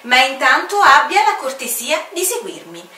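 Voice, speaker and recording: A woman's voice: sits high, big pitch swings, moderate pace, bright, forceful tone, slight background noise, voice pushed up, exaggerated voice. Officious male airport commander, woman reading the part, bossy, indignant, roomy sound, a bit far off. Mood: stern.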